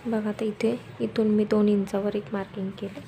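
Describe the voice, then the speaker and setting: Woman teaching sewing step by step, talks soft n quiet like it's late at night, pretty flat tone, bit of background noise. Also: mid-range voice, moderate pace, creaky. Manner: speaking softly, quiet at night while others sleep; instructional, repeats steps and measurements. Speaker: sewing tutorial host. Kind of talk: step-by-step tailoring tutorial.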